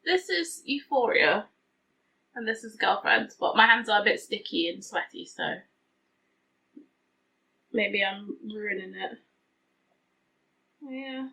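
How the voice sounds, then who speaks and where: A woman's voice: mid-range voice, takes it slowly, gravelly, long pauses, pushed and bright. A woman vlogger chatting casually to camera in a rambling, self-deprecating way, with a slightly tinny sound. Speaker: beauty vlogger. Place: hot room at home, window open.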